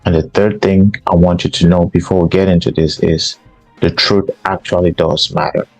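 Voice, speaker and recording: A man's voice: low voice, little pitch movement, normal speed, vocal fry, faint music behind, rough recording. A man from Cameroon, hosting a podcast and giving an emphatic political commentary monologue. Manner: emphatic, repeats himself for stress. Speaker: podcast host.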